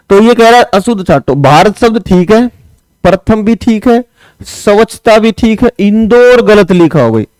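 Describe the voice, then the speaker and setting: Brief: male Hindi teacher, high clear voice, dry close mic, talks through exam questions. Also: darkish tone, dry recording. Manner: explains step by step, often asks "है ना"; writes on a board while talking. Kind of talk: exam-prep lesson.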